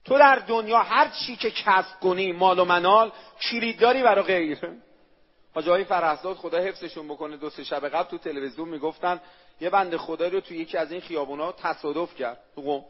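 A man preaching a sermon, emphatic and repetitive, asking the listeners rhetorical questions and reciting Arabic phrases. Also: sits high. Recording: echoey hall, dull lo-fi sound.

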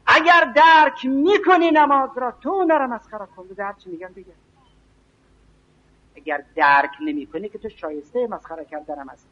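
Slow, emphatic preacher on a lo-fi tape. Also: male voice, very high-pitched, pushed and bright. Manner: slow, emphatic, quotes scripture and verse. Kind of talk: evening religious lecture. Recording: dull lo-fi recording.

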